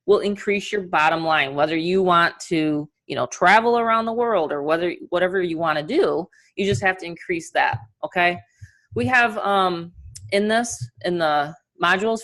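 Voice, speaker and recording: Energetic New York woman, lower voice. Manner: energetic, chatty, motivational. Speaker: online marketing coach. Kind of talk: casual webinar presentation.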